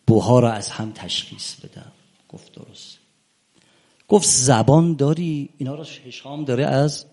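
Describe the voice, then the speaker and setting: Gravelly guy giving a sermon, tells a story w quoted lines, gets loud and forceful in spots. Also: mid-range voice. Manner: retells a debate with quoted dialogue, rising to emphatic peaks. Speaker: preacher.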